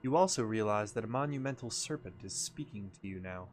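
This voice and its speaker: A man reading a game's story text aloud as a narrator, in a measured, dramatic storytelling manner. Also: on the low side, expressive, a little hiss or hum. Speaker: video game player and narrator.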